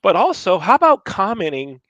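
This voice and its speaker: A man's voice: high-pitched, sing-song, normal speed, a bit bright, no echo, muffled recording. A man co-hosting a podcast in a casual, upbeat, chatty way, often repeating his words. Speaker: podcast co-host. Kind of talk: casual chat.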